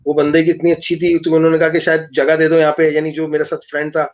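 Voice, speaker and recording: A man from Pakistan, an engineering professor telling a story fast and rambling, with many restarts, in a live online interview. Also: fairly high pitch, monotone. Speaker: engineering professor and lab director.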